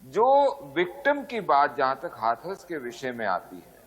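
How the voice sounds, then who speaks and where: A man arguing his point as a panelist on a remote link, in a measured, formal way. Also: on the high side, fairly bright tone, poor audio. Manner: measured, formal, deliberate delivery. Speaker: political panelist. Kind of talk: debate argument. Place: remote call-in.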